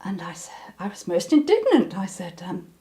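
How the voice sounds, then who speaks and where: A woman's voice: on the low side, very animated, moderate pace, warm tone. An older woman recounting personal memories in an interview, hesitant, with many ums and restarts. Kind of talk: reflective personal recollection.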